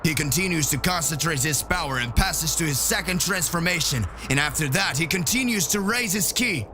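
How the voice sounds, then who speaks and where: A man's voice: on the high side, lively intonation, moderate pace, over music. A man narrating a scripted anime fan-fiction story as its storyteller.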